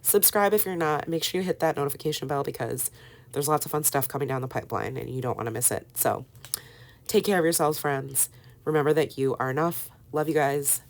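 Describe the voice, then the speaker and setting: Very low-voiced sick woman, chatty. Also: a little fast. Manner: chatty, relaxed with many fillers. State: sick, hoarse voice. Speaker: scrapbooking vlogger. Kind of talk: casual voiceover walkthrough. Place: at home.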